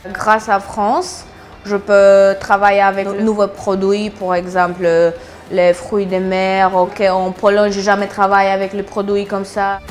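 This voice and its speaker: A woman's voice: medium pitch, level tone, measured pace, soft background music. A woman in her twenties from Poland with a Polish accent, speaking simple non-native phrasing as an apprentice cook. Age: 20s.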